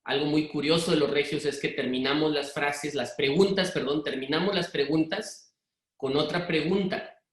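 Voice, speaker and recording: A middle-aged man from Mexico City with a Monterrey-influenced Mexican accent, giving a parenting workshop talk to a live audience in a hurried, direct way. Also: on the high side, fairly even intonation, echoey room. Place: room with an audience.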